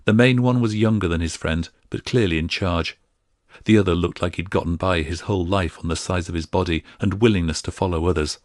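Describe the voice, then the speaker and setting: A man narrating a fantasy audiobook in a steady, even storytelling manner. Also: deep voice, a little fast, dry recording, clean studio sound. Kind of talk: scripted narration.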